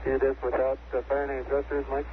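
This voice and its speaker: A man's voice: medium pitch, completely flat delivery, quick pace. A man speaking as an astronaut in terse spacecraft radio calls. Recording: very tinny, static-laden 1960s spacecraft radio.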